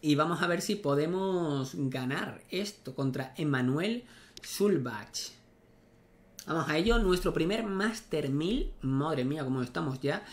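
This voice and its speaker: A man's voice: a little high, animated, unhurried. Chatty man thinking aloud. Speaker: gaming streamer. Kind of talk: casual gameplay commentary.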